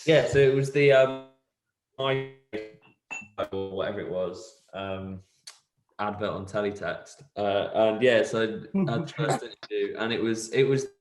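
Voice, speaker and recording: A man's voice: on the low side, takes it slowly, soft background music. A former bar worker, a man, speaking hesitantly and rambling over a video call from a converted garage. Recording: roomy video call audio.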